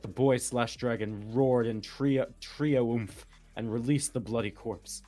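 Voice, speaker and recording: A mellow, medium-pitched voice reads slowly through a piece of fan fiction, faint music in the background. Between bursts of laughter and joking asides, the narration stays theatrically melodramatic.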